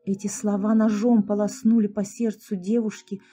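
Calm, mellow woman narrator. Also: medium pitch, soft background music. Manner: calm, measured storytelling. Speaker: audiobook narrator. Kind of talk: scripted narration.

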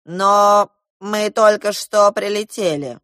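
A woman's voice: mid-range voice, takes it slowly, fairly bright tone, no echo, studio quality. A woman voicing a bossy, theatrical male goose pilot in a storybook reading, declaiming and commanding. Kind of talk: audiobook character voice.

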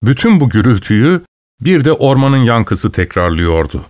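A man reading a short story aloud as a narrator, in a slow, measured storytelling manner. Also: mid-range voice, big pitch swings, a little mellow, no echo, studio quality. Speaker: audiobook narrator.

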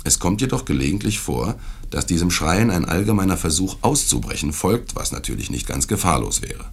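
A man's voice: deep voice, sing-song, brisk, heavily acted. A man reading the part of a suave, evasive asylum director in a dramatic reading of a classic tale. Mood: smooth. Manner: smooth, insistent, courteous yet brusque when crossed.

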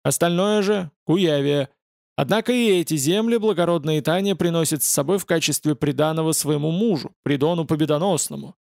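Elderly herald, read by a man: loud, formal, slightly high and gravelly. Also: fairly quick, no room sound, clean studio sound. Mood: proclaiming.

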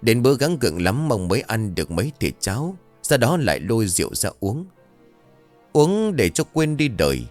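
A man narrating a ghost story in a dramatic, expressive storytelling manner. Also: mid-range voice, a little fast, soft background music.

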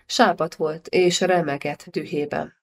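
A woman narrating a historical novel audiobook in a steady, measured reading. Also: low-pitched, gravelly.

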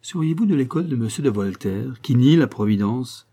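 Pompous, boastful gambler, read by a man; dark and husky. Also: mid-range voice, lively intonation, fairly quick. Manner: pompous, sententious.

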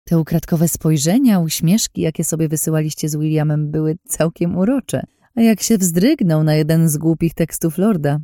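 A woman's voice: sits low, moderate pace, mellow, dry recording, studio quality, natural voice. A woman voicing a scheming, mocking woman in an audiobook, smug and threatening, in a taunting sing-song way.

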